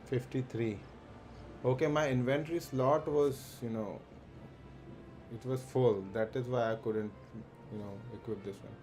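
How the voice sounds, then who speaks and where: Over faint game music, this streamer mutters and hesitates as he thinks aloud during casual gameplay. His medium-pitched voice is darkish and steady, unhurried, with long pauses.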